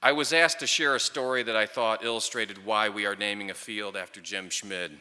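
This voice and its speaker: A middle-aged man delivers a tribute speech as a wry storyteller. His voice is fairly low and strikingly bright and forceful. He speaks at a microphone in a big hall with long, ringing reverb. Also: steady tone, a little fast, smooth. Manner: wry, storytelling with dry humour. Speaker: speaker at a ceremony, former player and coach. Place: large hall or venue, speaking to an audience at a microphone.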